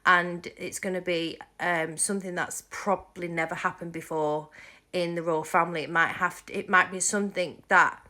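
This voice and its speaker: A woman with a lowish voice talks casually straight to the camera about what she senses. She rambles and hesitates, trailing off into ums and restarting her sentences, and sometimes drops to a hushed half-whisper. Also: steady tone, moderate pace. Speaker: psychic vlogger. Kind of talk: casual monologue.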